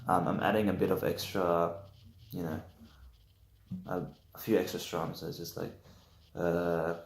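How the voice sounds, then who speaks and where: A young man giving a casual guitar lesson, halting and full of fillers, correcting himself as he goes, sounding just woken up. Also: deep voice, level tone, creaky. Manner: hesitant, many fillers, self-correcting. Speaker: guitar teacher. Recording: roomy echo with loud guitar playing.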